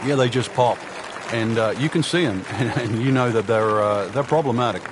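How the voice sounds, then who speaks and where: A man's voice: medium pitch, moderate pace, crowd noise, background noise, natural voice. A man giving informal, conversational golf analysis as a colour commentator, with clipped asides and advice.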